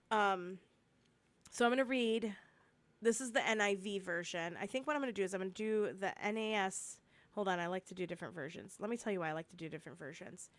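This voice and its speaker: A woman with a cold and a cough, talking through a Bible study in a chatty, rambling way, with asides and restarts, and reading the verses slowly and steadily. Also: medium pitch, no echo. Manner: reads scripture slowly and steadily. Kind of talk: casual Bible study talk.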